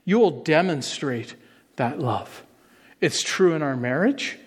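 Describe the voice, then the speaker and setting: A man's voice: animated, slow pace, breathy edge. Earnest preaching man, echoing hall. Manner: builds to emphatic, higher-pitched peaks on key phrases; earnest, conversational preaching with repeated phrases. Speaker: pastor. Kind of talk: sermon.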